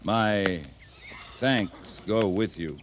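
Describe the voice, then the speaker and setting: An actor playing a steady, fair-minded cavalry captain in a radio western, calm and plain-spoken. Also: male voice, fairly low pitch, drawn-out words. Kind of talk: 1950s radio western acting. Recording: old radio drama, light noise.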